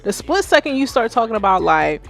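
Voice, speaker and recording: Woman in her 30s doing a music feedback livestream, joking about getting old, chatty and animated, faint music behind her. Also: a little high, brisk, gravelly. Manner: animated, self-mocking, talks to chat. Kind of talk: casual livestream commentary.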